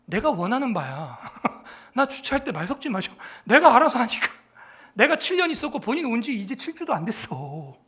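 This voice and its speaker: A man in his forties preaching a sermon in a church sanctuary, in a chatty, joking way that swings from muttering to loud exclamations. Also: extremely high pitch, sing-song, fairly quick, breathy edge. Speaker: pastor.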